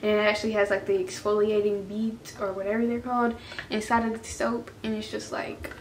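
A woman's voice: mid-range voice, level tone, brisk, slight background noise. A young woman vlogging casually to camera from home, chatty and full of filler words. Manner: chatty, heavy use of filler "like". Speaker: beauty vlogger.

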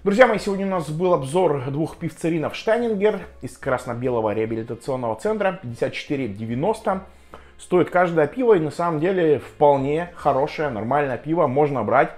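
A man giving a casual, chatty and jokey review to viewers, speaking with hesitant pauses as a vlogger. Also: fairly high pitch, expressive, darkish tone. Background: music.

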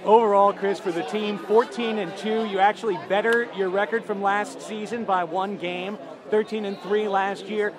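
High-voiced man asking postgame questions. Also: fairly even intonation, a crowd in the background. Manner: brisk, stat-heavy questions. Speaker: sports reporter. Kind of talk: postgame field interviews. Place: indoor soccer arena floor.

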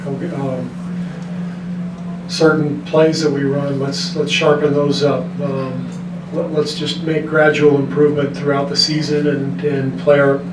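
A man in his fifties, a basketball coach answering at a post-game press conference, measured and frank, often restarting his sentences. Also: mid-range voice, level tone. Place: press room in front of a team backdrop. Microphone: desk mic on a stand, recorded from the room. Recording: echoey room from far off with background noise.

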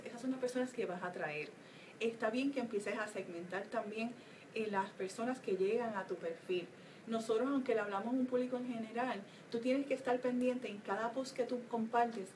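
Energetic woman coach, distant mic. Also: on the high side. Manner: energetic, emphatic, with frequent fillers. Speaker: business coach. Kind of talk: motivational talk to a group. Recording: distant mic with faint room noise.

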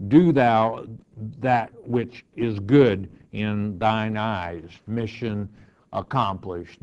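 A man's voice: lowish voice, darkish tone, lo-fi sound. A male pastor teaching verse by verse, reading scripture aloud and then explaining it in plain words.

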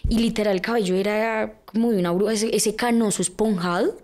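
A young woman with a Colombian accent is the guest on a podcast interview, recounting her past. Her voice is middle in pitch. She narrates in a loose, chatty way, fills gaps with small fillers, and slips into the voices of the people she remembers. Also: fairly quick. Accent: Colombian Spanish. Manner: lively narration full of fillers, with acted-out quotes. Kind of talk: personal storytelling in a podcast interview.

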